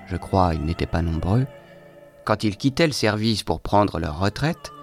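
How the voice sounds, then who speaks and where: A man reading a classic novel aloud with measured, expressive narration. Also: on the low side. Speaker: reader.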